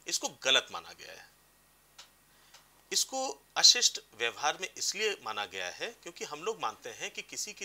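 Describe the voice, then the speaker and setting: A man's voice: a little high, sharp tone. A man giving advice as a career counselor on a TV talk show, explaining with examples. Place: TV studio.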